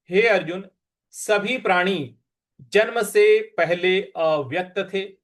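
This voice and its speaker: Slow, high-voiced man teaching verse recitation. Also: a bit bright. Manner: spells out syllables and stresses patiently, chants verses. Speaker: Sanskrit scripture teacher. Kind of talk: slow recitation and explanation lesson.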